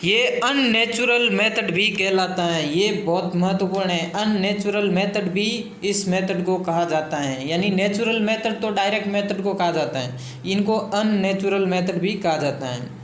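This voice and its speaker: A man's voice: high voice, a little slow, few pauses, a bit bright, slight background noise. A man teaching an exam-prep lesson, explaining by repeating points and glossing English terms in Hindi. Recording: echoey room, faint ambience.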